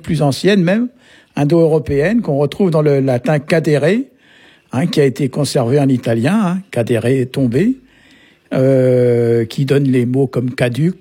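Husky-voiced man patiently explaining words. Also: a little high, warm tone. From Brittany. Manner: patient, explanatory, peppers talk with short tags. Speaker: language teacher. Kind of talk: explaining words on a radio lesson.

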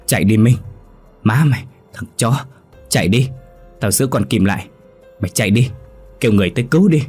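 A man voicing a desperate young man who shouts and curses while holding down his friend. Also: lowish voice, expressive, fairly quick, husky, soft background music. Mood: shouting. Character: angry young man restraining a possessed friend.

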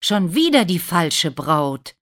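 A young fairy-tale prince, read by a woman, earnest and eager, his lines lifted with feeling. The voice is low for a woman, with lively rises and falls. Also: a little slow.

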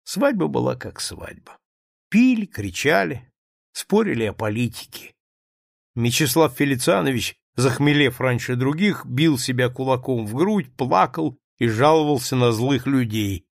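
A male narrator reads a novel with lively swings in pitch. His delivery is expressive and measured. The recording is dry and close. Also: vocal fry, dry recording. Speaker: audiobook narrator. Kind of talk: audiobook reading of a novel.

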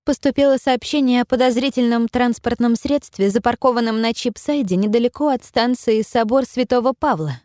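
A woman reading an audiobook voices a female police dispatcher whose brisk, formal report comes over a walkie-talkie. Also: a little high, darkish tone, no echo, studio quality, pitched above the performer's own voice. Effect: voice heard over a police walkie-talkie.

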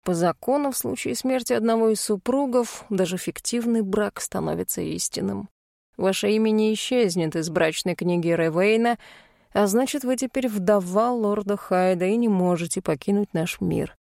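A woman performs a formal male lawyer who reads out the law in a measured, categorical way. The audiobook read sounds dry and close. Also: medium pitch, creaky, dark tone, no echo, close to an everyday voice. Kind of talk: audiobook voice acting.

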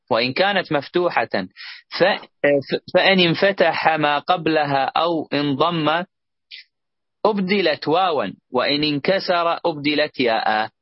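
A man, a student in a class, reading a grammar text aloud haltingly with pauses. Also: on the high side, no echo, highs cut off.

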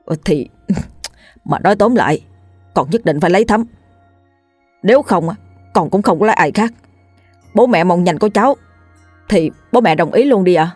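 A woman's voice: on the low side, expressive, moderate pace, pauses often, darkish tone, husky, no echo, soft background music. A woman voicing a determined grown son who pleads insistently with his parents in a spoken ghost story. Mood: pleading.

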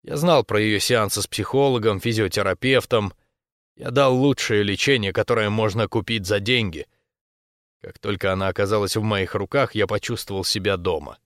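Man reading a romance audiobook in first person, low voice, steady and intimate, dry close sound. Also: normal speed, no echo. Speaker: audiobook narrator.

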